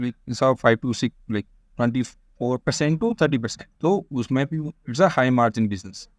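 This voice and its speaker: This stock analysis presenter has a lowish voice and an Indian accent, with no room sound. His informal screen-share explainer moves back and forth between Hindi and English as he speaks familiarly to viewers.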